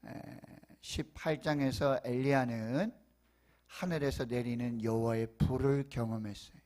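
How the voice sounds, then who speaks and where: Slow-paced male pastor, lisping through missing front teeth. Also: mid-range voice, a little mellow. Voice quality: slightly lisped, airy articulation from missing front teeth. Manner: deliberate, emphatic phrasing with pauses. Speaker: pastor preaching a Sunday sermon. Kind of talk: Korean church sermon with prayer.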